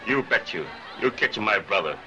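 Actor as lively low-voiced man. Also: moderate pace, muffled recording, music in the background, natural voice. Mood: blunt, emphatic. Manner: broken English, blunt. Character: blunt immigrant nightclub partner with broken English. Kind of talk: 1930s film acting.

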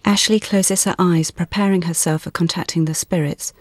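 A woman's voice: on the low side, fairly even intonation, moderate pace. A woman giving scripted scene narration as an audio description narrator. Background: music.

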